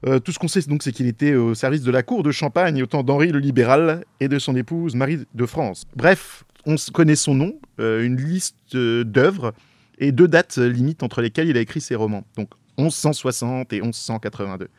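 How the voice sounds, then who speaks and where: A man, a podcast guest, explaining a topic in casual chat, hesitant with frequent pauses. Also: medium pitch, darkish tone, no room sound. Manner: hesitant, many fillers and restarts.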